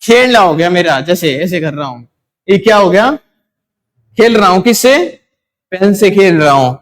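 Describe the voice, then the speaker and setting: A man's voice: sits high, lively intonation, normal speed. A man teaching a Hindi grammar lesson, asking questions and answering them himself, repeating key words for his students.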